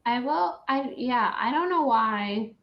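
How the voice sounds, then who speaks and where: Animated and on the high side, this woman takes her time as she rants casually about films on her movie review show, forceful and opinionated. The sound is lo-fi and dull.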